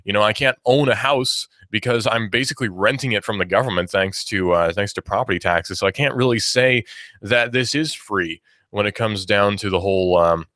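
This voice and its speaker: In a clean studio recording without echo, a man in his twenties from the United States speaks at normal speed in a fairly low, somewhat bright voice. Hosting a radio talk show, he gives a loose monologue of opinions, full of fillers and false starts.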